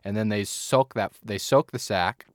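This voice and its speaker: Lowish-voiced guy cohosting a chill podcast, jokey and rambly, dry close sound. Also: moderate pace, dry recording. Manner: joking, rambling, reads facts aloud. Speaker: podcast co-host. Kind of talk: casual chat.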